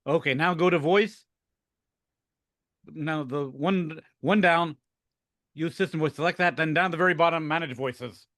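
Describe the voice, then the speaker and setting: Guy calmly walking someone thru menu steps, a bit high voice, dry sound. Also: a little slow, pauses often, no echo. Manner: patient, methodical. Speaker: meetup participant. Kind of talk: giving step-by-step directions.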